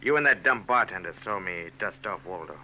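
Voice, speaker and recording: A man's voice: deep voice, animated, fairly quick, pushed and bright, slight background noise, full character voice, poor audio. An actor playing a cold, taunting bald killer in a 1940s radio drama, sneering and full of tough-guy slang. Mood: menacing. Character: bald murderous male gunman, cold and taunting.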